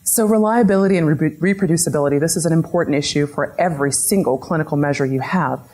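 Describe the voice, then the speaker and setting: In a lecture room, a woman lecturing on patient-reported outcomes methodically poses a series of questions to her audience. Her low-pitched voice is slightly mellow, and she talks fast.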